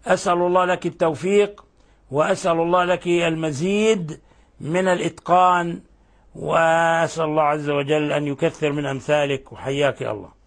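An older man teaching Quran recitation rules, explaining patiently and reciting verse examples slowly and drawn out. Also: a little high, fairly even intonation. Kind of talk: tajweed lesson with recited examples.

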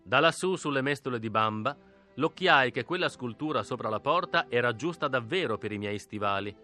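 A man reading a novel aloud as an audiobook narrator, expressive, dropping to a hush for whispered lines. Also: mid-range voice, normal speed, soft background music. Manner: expressive, hushed in the whispered dialogue.

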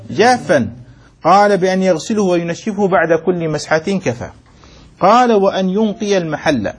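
Husky high-voiced man teaching a text. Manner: reads a passage, then explains it; keeps checking students follow with quick questions. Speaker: sheikh teaching Islamic jurisprudence. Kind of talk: classroom text commentary lesson.

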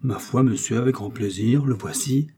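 A man voicing an eager young stable boy in a storybook reading, calling out loudly. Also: mid-range voice, normal speed, lightly acted. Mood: pleased. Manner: shouting after someone.

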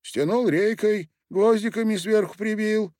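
A man's voice: high voice, a little slow, darkish tone, no echo, studio quality, pitched above the performer's own voice. A man voicing a timid, simple peasant coachman with rustic speech.

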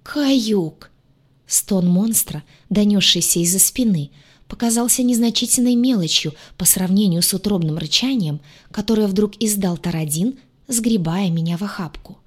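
Husky woman narrating an audiobook. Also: medium pitch, moderate pace. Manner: lively, wry, expressive. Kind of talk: first-person audiobook narration.

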